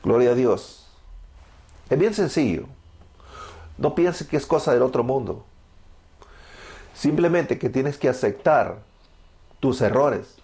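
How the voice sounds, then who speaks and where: Preaching his testimony with fervor, a man in his thirties from El Salvador poses questions and answers them himself, in a Salvadoran Spanish accent. The sermon comes slowly and animatedly, with frequent pauses, in a mid-range voice with a dark tone.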